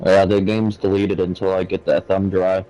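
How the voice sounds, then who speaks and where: A man's voice: low voice, level tone, normal speed, dark tone, poor audio. A man chatting casually with a friend about games, speaking in a hesitant way. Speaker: gaming friend. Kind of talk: casual chat.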